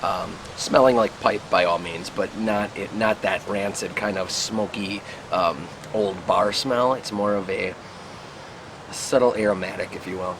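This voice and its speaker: A man giving a casual, unhurried review to camera outdoors, musing and trailing off as he puffs on a pipe. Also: low voice, steady tone. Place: outdoors in the wind. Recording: noisy outdoor recording with wind and traffic.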